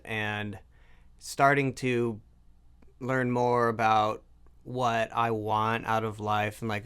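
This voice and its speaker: A man in his thirties with a smooth, clear voice talks casually, throwing in jokes and then turning reflective as he tells his side of the story. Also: lowish voice, fairly bright tone. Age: 30s. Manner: joking interjections, reflective when telling his side. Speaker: co-host of a couple's channel.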